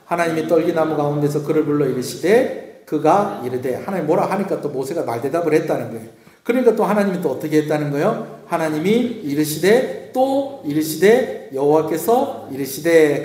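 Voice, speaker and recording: Male pastor, slightly high voice, preaches in a teaching, question-and-answer way. Recorded in a reverberant church hall. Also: a little mellow. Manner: asks the congregation questions and answers them himself. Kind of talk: sermon at a Friday prayer meeting. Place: church sanctuary. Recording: echoey church room.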